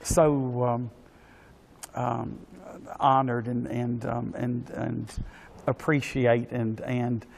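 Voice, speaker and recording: A man, giving courteous, formal interview answers haltingly, with many pauses and repeated words. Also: medium pitch, little pitch movement, gravelly, a little mellow. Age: 60s. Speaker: interview guest, pageant organization official. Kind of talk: polite spoken interview answers.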